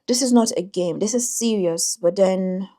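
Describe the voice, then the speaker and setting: A woman doing a tarot reading for viewers, talking in a thoughtful, intuitive way with frequent pauses and restarts. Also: mid-range voice, dark tone. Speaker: tarot reader.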